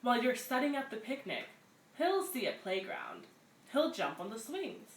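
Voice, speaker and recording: Speaking at a moderate pace with a fairly high, very animated voice, a woman runs a children's story time at a community center. Between picture books read aloud, she chats casually with listeners. The recording echoes and carries clear background noise.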